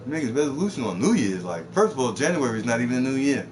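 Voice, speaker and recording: A man's voice: medium pitch, very animated, racing, a little mellow, slight background noise. A man live streaming a game who rants off the cuff, cursing, repeating himself and mocking others in put-on voices. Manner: rambling, profane, repeats words, mocks others in put-on voices. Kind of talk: off-the-cuff rant while gaming.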